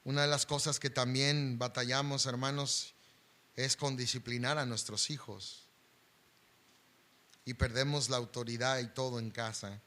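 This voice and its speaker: A middle-aged male pastor, preaching an impassioned sermon that swings from loud pleading to hushed intensity. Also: mid-range voice, steady tone, unhurried.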